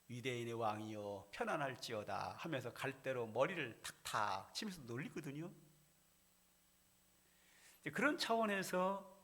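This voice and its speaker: A man's voice: mid-range voice, fairly bright tone. A middle-aged male senior pastor preaching an expository sermon in a church, reading scripture and animating the quoted voices of the crowd. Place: church sanctuary.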